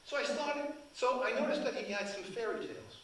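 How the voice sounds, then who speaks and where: This older translator and author, a native Sicilian speaker, spins meandering stories full of restarts during a storytelling talk at a book event. He speaks briskly in a very high, fairly bright voice. The hall echoes, the microphone sits far away, and there's a slight background noise.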